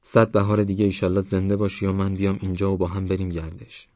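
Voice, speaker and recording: A man's voice: low-pitched, completely flat delivery, darkish tone, no room sound, highs cut off. A man voicing a polite young man, a grandson, who talks in a courteous, mildly protesting way in an audiobook.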